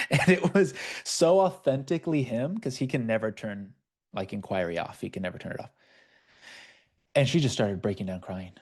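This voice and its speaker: A man's voice: medium pitch, expressive, moderate pace, darkish tone. A man who works as a life coach, teaching an online workshop over a video call in a conversational, storytelling way.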